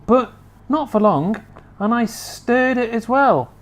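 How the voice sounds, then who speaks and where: A reader voicing George, a calm and earnest boy in a storybook. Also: mid-range voice, slow pace, voice pushed up.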